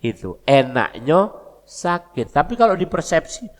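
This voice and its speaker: An older man with a Palembang Malay accent giving a mosque lecture, telling stories in a relaxed conversational way with dialect asides. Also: a little high, measured pace. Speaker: preacher. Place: mosque hall. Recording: long reverb of a mosque hall.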